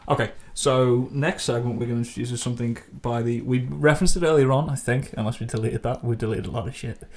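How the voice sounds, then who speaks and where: Man, podcast co-host, fast talker, jokey, swears a lot. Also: medium pitch, steady tone. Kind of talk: casual chat.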